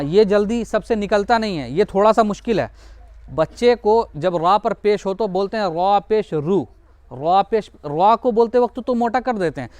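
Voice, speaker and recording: A man's voice: sits high, darkish tone, no echo. A man teaching a Quran reading lesson in a classroom style, explaining patiently, repeating each example and answering his own questions. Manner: drawls out example words slowly to model pronunciation.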